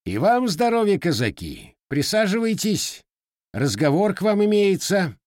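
Male reader doing an old Cossack elder, booming and commanding, pitched up high, dry close sound. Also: big pitch swings, measured pace, dry recording. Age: older. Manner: booming, authoritative.

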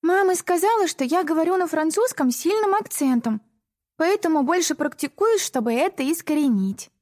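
A woman's voice: very high-pitched, expressive, darkish tone, voice pushed up. A woman voicing a touchy, chattering twelve-year-old girl in an audiobook. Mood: chirpy. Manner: fast, chirpy.

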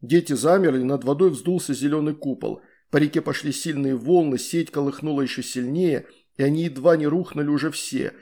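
A man's voice: fairly high pitch, brisk, hardly any pauses. Man reading a children's story aloud. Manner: lively narration that voices every figure. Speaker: reader.

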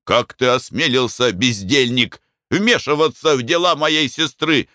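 A man voicing a hot-tempered, coarse young man who shouts scornfully in a raised voice. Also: medium pitch, unhurried, no echo, studio quality, pitched above the performer's own voice. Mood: furious.

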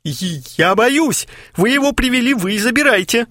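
A panicky, stingy young man whines and pleads in a very high, stammering voice, put on by a male audiobook reader. Each line swings up and down in pitch. The recording is dry and close. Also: very animated, moderate pace, gravelly, fairly bright tone, no room sound, exaggerated voice. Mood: panicked pleading.

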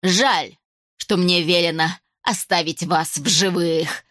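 A woman voicing a gloating undead old woman villain in an audiobook, with slow, hissing speech. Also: lowish voice, a bit bright, no room sound, clean studio sound. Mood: hateful. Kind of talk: audiobook character voice.

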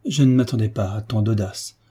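A man's voice: fairly low pitch, a little fast, warm tone, slightly rough. A man voicing a proud, indignant young woman in an audiobook.

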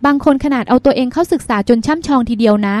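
A calm woman doctor , voiced by a woman narrator, reasons things through in an audiobook. The voice is high-pitched, close and dry. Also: no echo, lightly acted. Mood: reasoning. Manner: measured and reasoning. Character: calm grown woman doctor, thoughtful and earnest. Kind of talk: audiobook dialogue.

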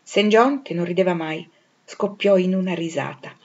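A woman reading a classic novel aloud in a measured, expressive way that grows dramatic on emotional passages. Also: fairly low pitch. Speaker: audiobook reader. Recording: dull lo-fi recording.

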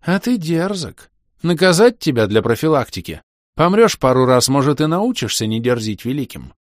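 A man voicing a haughty, contemptuous four-armed male alien overlord in an audiobook, loud and commanding. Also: on the low side, sing-song, moderate pace, dry recording, clean studio sound. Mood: menacing.

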